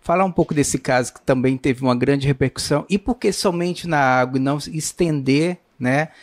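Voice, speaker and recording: A man's voice: a little high, normal speed, dry recording. A man hosting an interview, asking questions in a loose, conversational way with tag questions. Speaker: host and interviewer.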